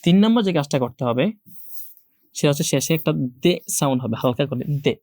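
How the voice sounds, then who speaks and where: A man's voice: fairly high pitch, animated, quick pace, darkish tone, dry recording, clean studio sound. A young man teaching an online Quran class, who patiently repeats each letter sound again and again for his students. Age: young adult.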